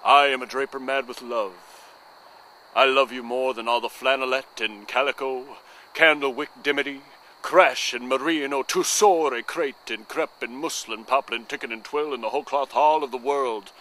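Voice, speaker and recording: A man playing a lovesick draper, bright-toned. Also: medium pitch, fairly even intonation, moderate pace, slight background noise, close to an everyday voice, poor audio. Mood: ardent. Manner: earnest, rapturous wooing. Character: lovesick male draper, ardent and fussy. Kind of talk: theatrical monologue.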